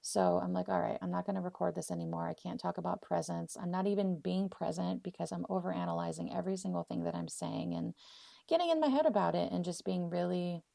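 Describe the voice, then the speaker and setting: Talking fast in a creaky, dark, fairly low voice, a 39-year-old woman hosts her casual, personal solo podcast without a script. She has an American accent, was born in Poland, and comes from Arizona, US, and her phrasing is effusive, heartfelt and spiritual. The audio is studio quality, free of room sound.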